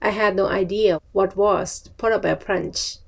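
A middle-aged woman from Thailand with a Thai accent tells a personal story to camera in halting, simple English phrases. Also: mid-range voice, fairly even intonation, gravelly, slightly rough. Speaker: vlogger. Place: small furnished room at home, indoors.

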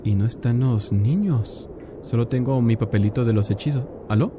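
A man casually commentating a game, chatty and excitable, talking to his viewers. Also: mid-range voice, moderate pace, noisy background. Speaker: gaming youtuber. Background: game music.

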